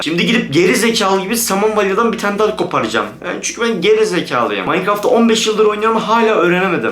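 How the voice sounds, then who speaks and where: A fairly high-voiced man commentates a horror game, jumpy and swearing while he talks straight to his viewers. His voice sits in a roomy, echoing space with faint music underneath. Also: a bit bright. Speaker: gaming YouTuber. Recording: roomy room with background music.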